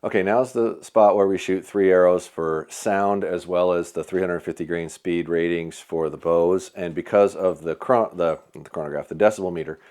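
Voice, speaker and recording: A man's voice: sits low, steady tone, moderate pace, hardly any pauses, darkish tone. A man reviewing a bow indoors at an archery shop range, casually thinking aloud as he reads off measurements. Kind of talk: hands-on product testing talk.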